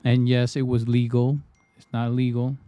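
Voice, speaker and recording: This trading livestreamer from the Philippines speaks in a mid-range voice with a dark, clear, resonant tone, delivered completely flat at a moderate pace. The recording is dry and lo-fi. His casual stream chatter rambles and repeats, full of fillers and constant restarts.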